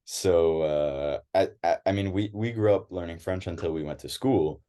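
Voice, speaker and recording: A young American man chats as a guest in a casual interview, speaking at a moderate pace in a low, mellow voice. He sounds hesitant, often restarting and leaning on fillers.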